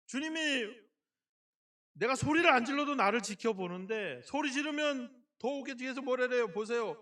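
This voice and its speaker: A male pastor preaches in a high, ringing voice, acting out scenes and firing questions at the congregation. The sound comes from a church sanctuary, with the voice a little distant from the mic. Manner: lively preaching that acts out quotes and often asks the congregation questions. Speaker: senior pastor. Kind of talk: sermon.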